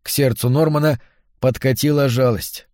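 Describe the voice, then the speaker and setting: A man narrating a novel as an audiobook, in a measured, even reading. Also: mid-range voice, no room sound, studio quality. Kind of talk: scripted literary narration.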